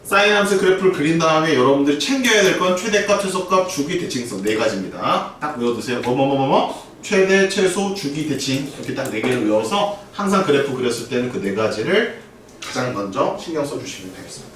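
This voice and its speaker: A man teaching a math class with a bouncy, animated delivery, a little higher-pitched than most men. He is heard from across an echoey classroom, with steady noise underneath. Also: brisk, distant mic. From Korea. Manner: lively, drills students with call-and-response. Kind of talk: classroom lecture. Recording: echoey room recorded from afar, noisy.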